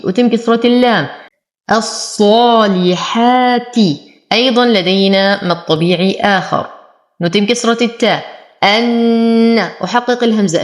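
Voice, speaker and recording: A woman teaching Quran recitation. She slowly draws out each recited word, then briskly explains the rules. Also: mid-range voice.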